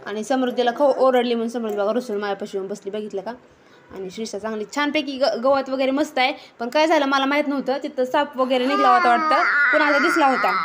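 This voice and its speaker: Sitting high and fairly bright, this young woman's voice carries her casual narration of a family vlog shot in the garden. She's a chatty mom who scolds her kids every now and then.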